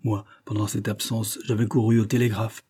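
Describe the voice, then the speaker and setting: A man's voice: on the low side, flat delivery, normal speed, warm tone, breathy edge. A man voicing an eager male servant who spies for his boss and reports to him humbly and at length. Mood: reporting. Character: eager, deferential male servant turned spy.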